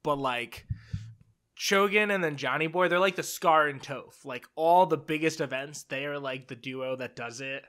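A young man co-hosting a casual podcast chat, excitable and rambling with lots of fillers. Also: on the high side, normal speed, clear, resonant tone. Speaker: podcast co-host.

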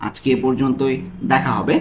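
A man teaching a language lesson, saying each phrase slowly and then repeating it, explaining it word by word. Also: medium pitch, steady tone, roomy sound, slight background noise. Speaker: language tutor.

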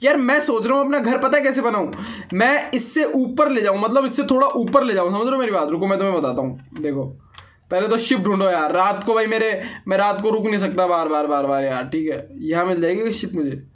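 Excitable high-voiced young gamer guy. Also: a little fast. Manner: excitable, chatty, often repeats words in bursts. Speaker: gaming YouTuber. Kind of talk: casual Minecraft let's-play commentary.

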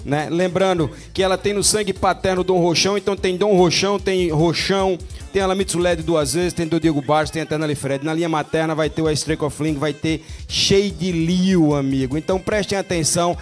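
A man's voice: fairly high pitch, steady tone, fairly quick. A Brazilian man doing live auction commentary, listing details and repeating phrases. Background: music.

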